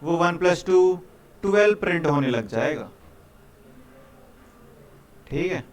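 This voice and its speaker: A man from India leads a live programming lesson in a classroom, speaking to his students in a loose, friendly, chatty way. He keeps checking in with them as he goes, and his voice sits a little on the high side. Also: expressive, slow. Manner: casual, repeats "ठीक है" and "भाई", coaxing students. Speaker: programming teacher.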